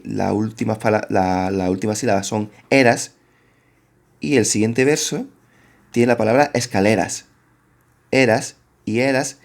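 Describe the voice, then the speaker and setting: Man, teacher explaining to a class, low-pitched, laid-back and chatty. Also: gravelly, a little mellow. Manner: casual, colloquial teacher talk with slang and restarts. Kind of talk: explaining a lesson to students.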